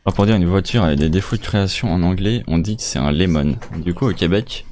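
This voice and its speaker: A man's voice: sits low, fast, darkish tone. A man from France, a streamer chatting casually and somewhat distractedly with his viewers while he speedruns a game, often poking fun at himself. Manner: chatty, distracted, self-mocking. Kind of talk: casual commentary while playing.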